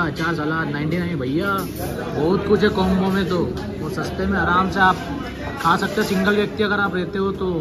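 A young man talks into a phone held at arm's length as he vlogs his way through a busy restaurant. He chats casually, reeling off dishes and prices for his viewers in a slightly high voice. Music runs along under his words. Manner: chatty, lists menu items and prices to viewers. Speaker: food vlogger. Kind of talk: casual food vlog. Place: busy indoor restaurant and street outside.

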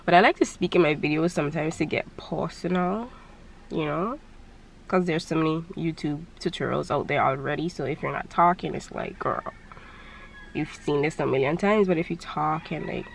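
A young woman vlogging casually from her car, with a low, nasal morning voice and a chatty, candid manner. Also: fairly quick, gravelly, a little hiss or hum. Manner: chatty, candid, laughs easily. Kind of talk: casual vlog chat.

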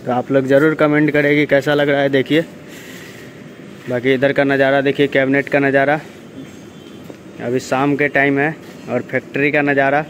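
A young man vlogging his way through a large warehouse, talking in a steady, salesman-like patter with the phone held at arm's length. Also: mid-range voice, normal speed, pauses often, slight background noise. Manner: steady salesman-like patter, repeats "dekhiye" and "dosto". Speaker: vlogger showing a speaker cabinet factory. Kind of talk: casual vlog walkthrough. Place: large warehouse, partly outdoors.

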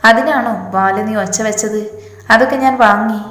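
A woman's voice: fairly high pitch, normal speed, lightly acted. A woman reading a story aloud and voicing an irritated young man who scolds his sister. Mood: scolding. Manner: scolding, sharp-tongued. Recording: echoey room with long reverb.

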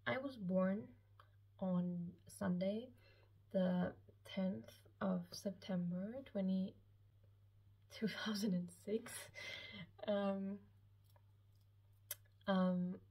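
A seventeen-year-old Austrian girl who speaks German chats casually to camera as a YouTube vlogger, answering personal questions in a hesitant, rambling, self-conscious way from a small lived-in room at home. Her medium-pitched voice is warm with a breathy edge, its intonation fairly even, and she talks extremely slowly with frequent pauses.

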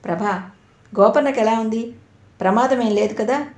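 An anxious grown son, quick to snap and grumble under his breath, as a woman reading the novel puts him on. An echo of the room hangs on the voice. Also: a little high, a little mellow, lightly acted. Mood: worried. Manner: anxious and irritable. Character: worried grown son, quick-tempered man. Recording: roomy echo.

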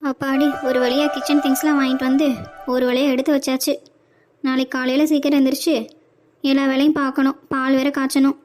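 A woman voicing a practical, caring older sister who gently scolds her brother, in a cartoon. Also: sits high, flat delivery, brisk, soft background music, natural voice. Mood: motherly. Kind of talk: cartoon voice acting.

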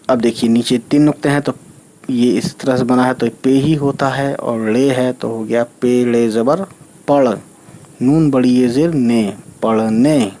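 A man's voice: mid-range voice, warm tone. A man teaching an Urdu reading lesson, spelling out letters and vowel marks one by one and often checking in with the learner.

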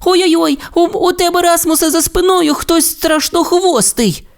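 A bouncy little troodon boy who squeaks and rushes his words, as a man plays him in an audio tale. His voice sits very high and leaps about. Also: animated. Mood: panicked. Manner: eager, squeaky, rushing. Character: excitable young male troodon dinosaur. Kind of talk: storybook voice acting.

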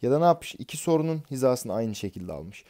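A man's voice: mid-range voice, sing-song, brisk, mellow. A man teaching an exam prep lesson, explaining concepts step by step and answering his own questions as he goes.

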